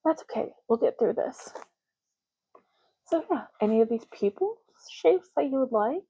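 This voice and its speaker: Playing an ID card clerk in a casual ASMR roleplay, a woman with a fairly high, expressive voice assists a customer without hurry. She's soft and breathy, at times whispering, and she draws out and repeats words gently; the recording has its highs cut off.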